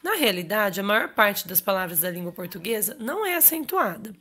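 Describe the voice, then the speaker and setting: A woman's voice: mid-range voice, very animated, brisk, sharp tone, slightly rough. Woman teacher giving a patient grammar lesson. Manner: explanatory, checks in with frequent "ok?" and "certo?". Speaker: Portuguese teacher. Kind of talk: recorded online grammar lesson.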